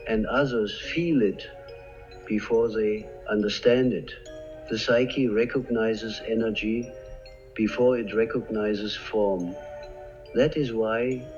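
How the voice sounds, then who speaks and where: A man reads scripted narration at a grave, deliberate pace, letting long pauses linger between phrases. His medium-pitched voice has a somewhat dull, lo-fi quality, and quiet music plays faintly beneath him.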